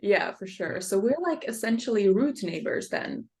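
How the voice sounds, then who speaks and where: A woman's voice: mid-range voice, lively intonation, moderate pace, vocal fry, darkish tone. Guest, young woman, slight Finnish accent, upbeat, laughs a lot, peppers in likes. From Finland. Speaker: guest athlete. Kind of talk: casual interview.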